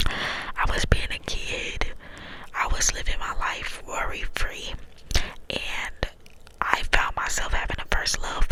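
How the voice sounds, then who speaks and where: A young woman from Texas whispering an ASMR storytime through cupped hands close to the mic, sometimes repeating phrases over and over. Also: poor audio. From small town in Texas, United States. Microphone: close ASMR mic, hands cupped around it.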